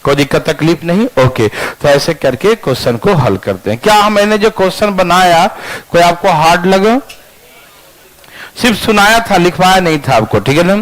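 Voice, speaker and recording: High-voiced man teaching a math lesson. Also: lively intonation, normal speed, fairly bright tone, rough recording. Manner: checks understanding often, repeats steps aloud; mixes English phrases into explanations.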